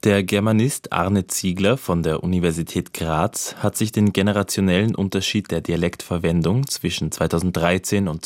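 A man with a very low voice reads a radio feature in a measured, informative way. He is recorded dry and close in a studio, with no room sound around him. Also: dry recording. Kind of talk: scripted narration.

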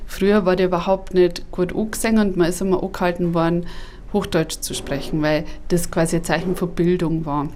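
A cabaret comedian in her forties from Bavaria, Germany, speaks with a Regensburg accent in a fairly low, mellow, slightly nasal voice. Chatty, punchy and self-mocking, she switches between a stand-up set and an interview, with slight background noise.

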